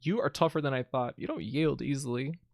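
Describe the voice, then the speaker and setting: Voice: mid-range voice, fairly quick, gravelly, no room sound, clean studio sound, close to an everyday voice. A player voicing a gloating female devil while reading video game dialogue aloud. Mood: menacing, arrogant. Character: gloating female devil possessing a lover's body.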